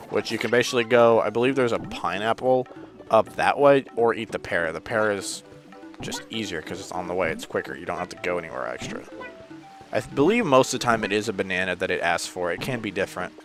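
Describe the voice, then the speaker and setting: A man giving casual, rambling gameplay commentary as a let's play host, with sudden loud outbursts and hiccups. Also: fairly low pitch, lively intonation, brisk, music in the background.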